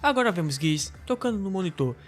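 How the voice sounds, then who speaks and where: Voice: mid-range voice, quick pace, faint music behind. A narrator reading a scripted recap of a comic story, summing up each scene in turn. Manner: steady storytelling, play-by-play summary of scenes.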